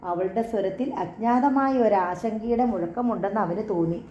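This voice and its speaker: A woman reading a novel aloud in steady, measured narration. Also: mid-range voice, reverberant, dull audio. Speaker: audiobook narrator. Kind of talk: scripted story narration.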